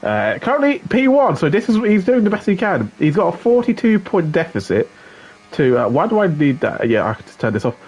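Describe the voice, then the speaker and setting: A man's voice: high voice, big pitch swings, a little fast, darkish tone, husky. A man commentating a live online racing league stream, chatty and full of fillers as he greets viewers. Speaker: race commentator.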